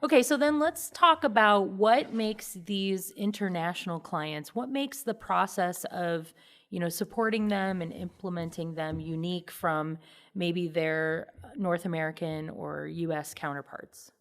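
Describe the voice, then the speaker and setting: A woman hosts a conversational interview, offering short affirmations and rephrasing points while she asks her questions. Her voice is on the low side and her pace measured.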